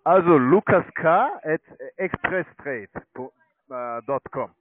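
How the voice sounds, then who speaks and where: A man selling online trading accounts over the phone speaks slowly in an animated, higher voice with a breathy edge. His non-native German comes out in hesitant, broken phrases. The recording is dry, and the phone line sounds tinny and narrowband.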